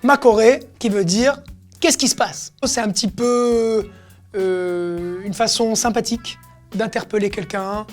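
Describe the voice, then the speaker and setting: A woman's voice: mid-range voice, a little slow, faint music behind. A woman teaching everyday expressions in a casual lesson, explaining each word and acting out how it is said. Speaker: Hebrew teacher.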